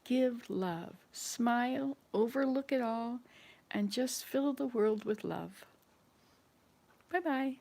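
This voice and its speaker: A woman's voice: a little high, slow, vocal fry, dark tone. A woman in her sixties chatting casually to viewers while she cleans her house, rambling from one chore to the next. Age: 60s. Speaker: vlogger. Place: home indoors.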